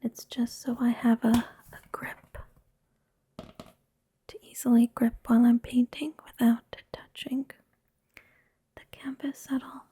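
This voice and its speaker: A young woman whispers right up against the microphone, her voice airy and husky with almost no tone behind it. She talks slowly and softly, with a flat, even lilt and a mellow, dark color, poking fun at herself as she goes. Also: fairly high pitch, no echo. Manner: whispered throughout; self-deprecating, chatty aside. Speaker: ASMR creator. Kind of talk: ASMR. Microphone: close microphone.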